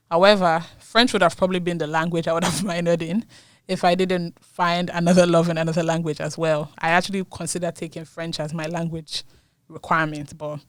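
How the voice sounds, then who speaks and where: A young Nigerian woman in her twenties, a university student and native Yoruba speaker, appears as a guest in a casual interview. Her voice is lowish, she laughs often between phrases, and the studio recording is clean with no room sound.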